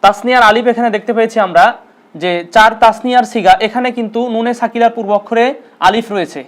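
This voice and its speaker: A man's voice: very high voice, fast. A man teaching an Arabic grammar lesson, patiently repeating terms and asking and answering his own questions.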